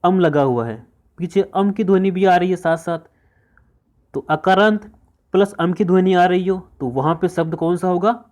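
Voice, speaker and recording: A man's voice: sits high, normal speed, darkish tone. A man teaching an exam-prep grammar lesson, repeating each point and answering his own questions.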